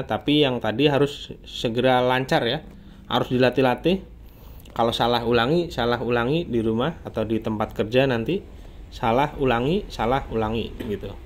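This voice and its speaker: A man's voice: medium pitch, slight background noise. A man teaching Arabic grammar who patiently quizzes his student, corrects the reading and has it repeated. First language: Indonesian.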